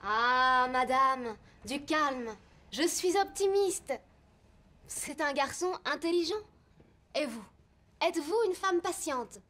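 A woman's voice: high voice, animated, slow, bright, forceful tone, faint music behind. A young woman playing a student in a scripted drama, reassuring and upbeat. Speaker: student in a language-course drama.

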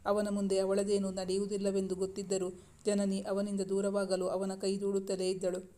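A woman hosting her channel and narrating a serialized romance story in a steady, even reading. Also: mid-range voice, moderate pace.

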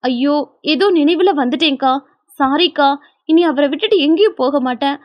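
A woman's voice: high voice, moderate pace, dry recording, natural voice. Woman voicing a frantic tearful young wife. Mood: pleading. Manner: trembling, frantic and pleading.

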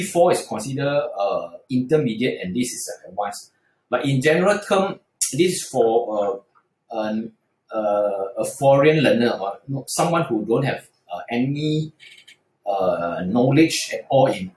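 Hesitant man explaining, roomy echo. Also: mid-range voice. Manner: hesitant, frequent fillers and restarts. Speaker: Mandarin tutor. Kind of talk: screen-recorded tutorial explanation.

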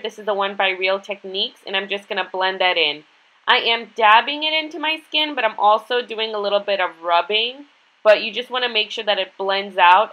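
Sick and nasal, a woman in her twenties walks through an easygoing makeup tutorial in a small bedroom. The beauty vlogger's mid-range voice comes through with a lo-fi sound.

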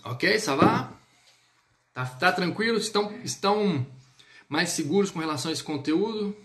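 A man's voice: high voice, expressive, moderate pace, fairly bright tone. A man teaching a live online French lesson, speaking to viewers on a phone or webcam mic and checking in with them often.

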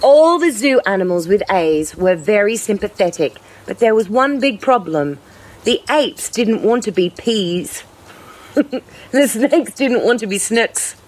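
A woman reading a children's picture book aloud in a lively, playful way. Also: mid-range voice, a little slow. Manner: lively, playful, occasional laughs. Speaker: storyteller.

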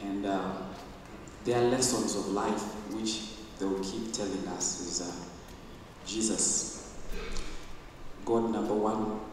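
A young man with a Ugandan accent speaks at a funeral, pausing often as he searches for words. His lowish voice rings through a roomy church hall, picked up from a distance with steady background hiss. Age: young adult. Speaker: grandson giving a eulogy. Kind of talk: funeral eulogy. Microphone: handheld mic. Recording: echoey church from far off.

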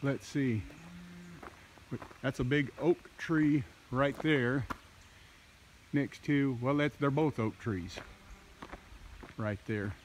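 A man narrating a casual walking tour of his wooded farm outdoors, talking in a slow, halting way with many fillers, recorded on a handheld phone. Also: mid-range voice. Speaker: farmer vlogger. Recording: faint outdoor noise.

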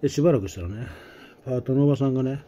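A man's voice: mid-range voice, racing, dark tone, muffled recording. A middle-aged man with a Kansai accent, telling a casual anecdote in a chatty, folksy way and acting out the voices. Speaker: storyteller host.

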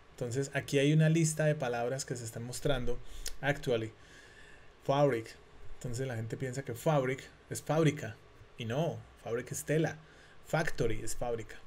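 A man from Latin America, a native Spanish speaker, teaching an English exam lesson in a relaxed, chatty way, thinking aloud with many fillers and restarts. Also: medium pitch. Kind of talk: casual online lesson.

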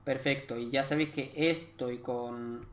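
Over a noisy background, a young man from Spain provides live commentary on his game as a YouTuber, speaking at normal speed and medium pitch. He is talkative and excitable, cracking slang jokes and cursing.

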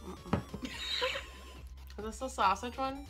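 A woman's voice: on the high side, drawn-out words, over music. A young woman chatting casually while she eats gross jelly beans and guesses the flavours, recorded on a living room couch. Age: young adult. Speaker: vlog co-host in a taste challenge. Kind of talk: casual chat. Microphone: camera a short distance away.

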